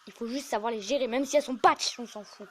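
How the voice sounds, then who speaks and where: A woman's voice: fairly high pitch, quick pace, a bit bright. A woman giving casual, rambling gameplay commentary as a YouTuber, chatty and self-mocking. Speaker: gaming YouTuber.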